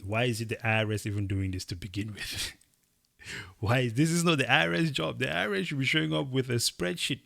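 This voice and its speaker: Gravelly man talking emphatically. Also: medium pitch, fairly quick. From Cameroon. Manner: emphatic, rising to animated bursts. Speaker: podcast co-host. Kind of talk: casual opinion chat.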